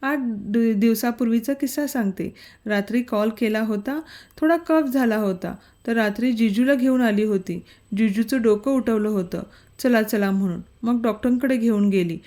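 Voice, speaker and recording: Teasing chatty young girl, mellow higher voice, woman doing her. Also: normal speed, natural voice. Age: young adult. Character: cheeky teenage girl in a hostel.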